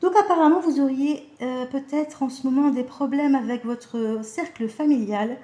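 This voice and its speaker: Woman, casual card reader, mellow voice, echoey room, hesitant and chatty. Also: sits high, moderate pace. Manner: chatty, hesitant, many fillers and self-corrections. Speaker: animal communication card reader. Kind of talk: casual card-reading guidance.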